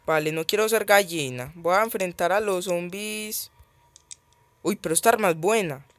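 A man's voice: high-pitched, normal speed, fairly bright tone, no room sound. A man giving casual gameplay commentary as he plays a mobile game, chatty and thinking aloud, easily startled.

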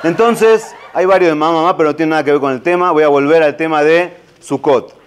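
A man's voice: a little high, brisk, noisy background. A man, a rabbi giving a casual holiday talk full of jokes. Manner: casual, joking, many fillers.

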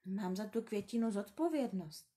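A woman voicing a gentle, curious little boy prince in a storybook reading, soft and earnest. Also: medium pitch, expressive, lightly acted. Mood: quiet earnest.

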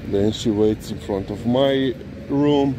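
Walking his dog outdoors on city streets at night, a dog-owner vlogger films on a handheld phone and chats slowly with the viewer, turning to address the dog between remarks. His voice is lowish, and faint street and traffic noise can be heard.

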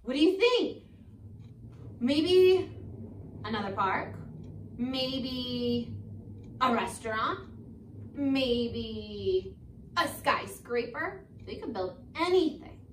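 Her pitch on the high side, this woman in her twenties, a preschool teacher, gives young children a sing-song, expressive read-aloud, posing questions and pausing for replies. She speaks very slowly with long pauses. The indoor classroom is echoey, a camera a few metres off picks her up from a distance, and there's slight background noise.

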